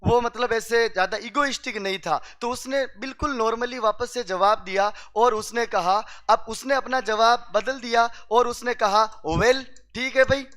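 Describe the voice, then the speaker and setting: A man's voice: very high voice, normal speed, hardly any pauses, bright, forceful tone. A man telling comic stories to a class, quizzing the listeners and repeating each punchline. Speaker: teacher telling jokes to students.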